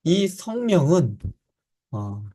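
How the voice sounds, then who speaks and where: With a fairly high, mellow voice and a very animated manner, a male pastor gives church leaders a Bible lesson. He keeps asking questions and then supplying the answers, pausing often and filling gaps with fillers.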